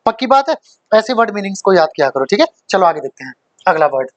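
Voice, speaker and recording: A man's voice: high-pitched, sing-song, quick pace, dry recording, dull audio. A male teacher giving a vocabulary lesson, who asks questions and then answers them himself, repeating the key words for emphasis.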